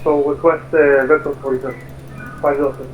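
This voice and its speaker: A man on a pilot's cockpit headset radio, making halting calls to air traffic control with many pauses. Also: mid-range voice, flat delivery, narrow, tinny audio, faint music behind. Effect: pilot's cockpit headset radio transmission.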